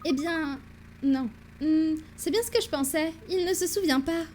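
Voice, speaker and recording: A woman playing a spirited, high young assistant. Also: moderate pace, slight background noise, natural voice. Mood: self-assured. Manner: bright, self-assured and teasing. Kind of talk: reading game dialogue aloud in voices.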